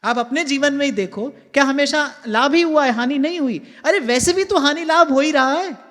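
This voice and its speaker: A man's voice: very high voice, moderate pace, fairly bright tone. A male spiritual teacher giving a devotional sermon in a large hall, earnestly repeating key phrases for emphasis. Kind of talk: devotional sermon with sung verses. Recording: long hall reverb, faint music.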